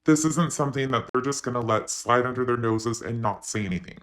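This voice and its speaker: A man's voice: mid-range voice, brisk. Man's voice through a voice changer. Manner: opinionated, addresses viewers directly. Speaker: commentary channel host. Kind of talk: online commentary recap.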